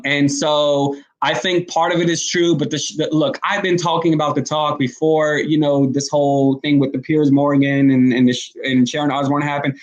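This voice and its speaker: A man's voice: fairly high pitch, a bit bright, rough recording. A man hosting a casual commentary stream, talking bluntly to his viewers and rambling between points. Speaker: commentary host.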